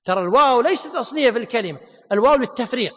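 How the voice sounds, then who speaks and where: High-voiced male teacher in a reverberant hall. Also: expressive. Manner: quizzes students with quick questions; drawls example words slowly. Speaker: Arabic grammar teacher. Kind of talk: classroom grammar lesson.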